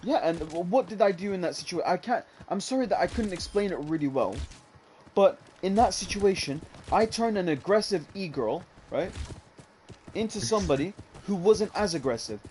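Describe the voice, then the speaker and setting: A man's voice: sits high, lively intonation, moderate pace, a little mellow, slight background noise. A young man casually telling a long story about an online game, rambling with lots of fillers and calling the listener "bro". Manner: rambling, fillers like "what's it called", says "bro".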